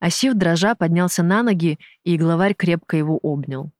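Brief: steady audiobook narrator, mid pitch, dry close mic. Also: normal speed, no echo. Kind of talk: scripted narration.

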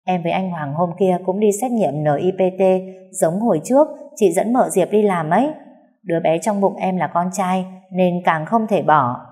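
A woman voicing a brazen young housemaid who answers back in a cocky, quick, raised voice. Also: fairly low pitch, darkish tone, close to an everyday voice. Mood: wheedling. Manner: cocky, sassy, quick retorts.

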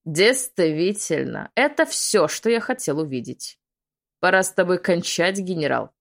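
A woman's voice: on the low side, lively intonation, measured pace, gravelly, heavily acted. Woman reading as a cruel demon lord, commanding, scornful, barks orders at his daughter. audiobook villain. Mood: cold scornful.

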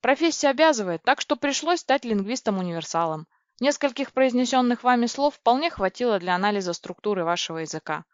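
A woman's voice: a little high, expressive, a little fast, no room sound, close to an everyday voice. A woman playing a polite crocodile-spider alien. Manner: courteous, formal and precise. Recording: dry, dull lo-fi recording.

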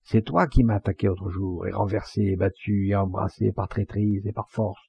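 Young woman hurling accusations, voiced by a male reader: raised, husky, gravelly, dull lo-fi sound. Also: fairly low pitch, fairly even intonation, normal speed, dark tone, no room sound, exaggerated voice. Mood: accusing.

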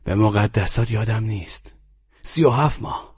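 A man's voice: lowish voice, husky, lo-fi sound, voice pushed up. A man voicing a rude, weary young man who answers curtly and sarcastically in an audiobook story. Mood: gruff. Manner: curt, cursing, sarcastic.

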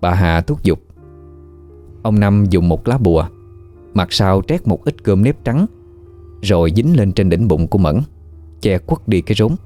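A man narrating a horror story in a measured, even storytelling manner. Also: low-pitched, faint music behind.

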